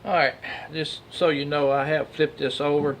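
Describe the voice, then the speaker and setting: A man's voice: on the high side, little pitch movement, moderate pace, rough recording. A man with a Southern US accent giving a casual, plain-spoken, hands-on workshop tutorial as a craftsman. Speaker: craftsman demonstrating duck call making. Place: workshop at a lathe. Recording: loud machinery and workshop noise.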